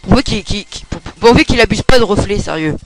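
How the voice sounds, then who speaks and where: Young man, high voice, casual let's-play chatter, quick to swear, faint music behind. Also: animated, poor audio. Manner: chatty, swears when frustrated. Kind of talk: casual gameplay commentary.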